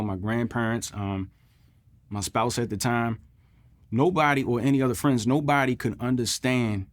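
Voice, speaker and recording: Man, middle-aged, slightly deep voice, military veteran, interview recollection, earnest, reflective, repeats for emphasis. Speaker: Marine combat veteran interviewee.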